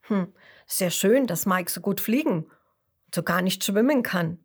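A woman's voice: medium pitch, lively intonation, unhurried, slightly rough. A woman voicing a young female hippo who believes she is a horse, speaking plaintively and often half-whispered, in a storybook read-aloud. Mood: puzzled.

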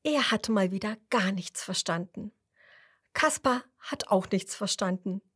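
A woman's voice: medium pitch, animated, a little slow, fairly bright tone, husky. A woman narrating a children's story and speaking directly to the child listening.

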